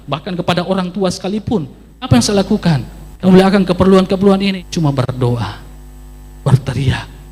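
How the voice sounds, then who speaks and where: A man's voice: mid-range voice, darkish tone, long reverb tail. A man pastor preaching a sermon emphatically, with sweeping rises and drops and repeated phrases for emphasis.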